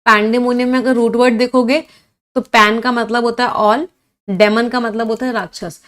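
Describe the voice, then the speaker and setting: Lively woman teaching English vocabulary. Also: on the high side, moderate pace. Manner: lively, quizzing students and praising answers; mixes Hindi and English, spells words out. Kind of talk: online class teaching vocabulary in Hindi and English.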